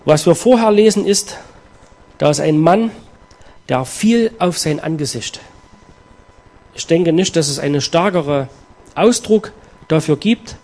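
A man preaching a sermon, reading scripture aloud and explaining it with earnest emphasis and dramatic pauses. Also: on the high side, a little mellow.

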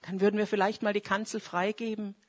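A woman's voice: mid-range voice, level tone, fast. A woman preacher, giving a fervent charismatic sermon and praying aloud. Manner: fervent, swings between loud calls and quiet confession; prays aloud mid-sermon.

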